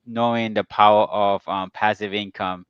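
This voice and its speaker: A man's voice: fairly low pitch, little pitch movement, moderate pace, clean tone, dry recording, lo-fi sound. A man in his thirties from Ghana, a guest telling his story easygoingly with plenty of ums. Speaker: guest, pharmacist and real estate investor. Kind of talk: casual interview.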